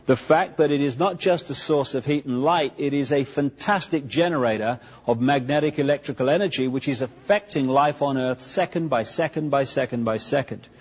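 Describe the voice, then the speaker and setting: A man giving an emphatic lecture with slides, pausing often with fillers. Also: medium pitch, breathy edge. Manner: emphatic, with many pauses and fillers. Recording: lo-fi recording in a large echoey hall.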